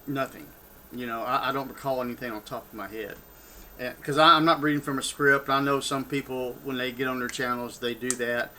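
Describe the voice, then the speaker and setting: An older Texan man, a political vlogger, rants off the cuff on his own channel, rambling and heated with many restarts and asides. His voice sits at a medium pitch and has a sharp tone.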